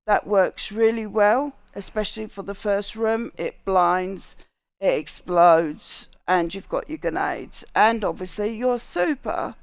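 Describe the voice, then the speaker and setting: Cockney woman with heavy creak. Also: medium pitch, takes it slowly, dry recording. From England. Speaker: gaming video host. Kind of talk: casual scripted game guide narration.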